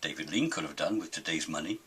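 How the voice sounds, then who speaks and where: An older man with a raspy voice delivering a grumpy, indignant, emphatic rant as an opinionated monologue. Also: a bass voice, quick pace, bright, forceful tone. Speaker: opinionated film critic and host of his own show.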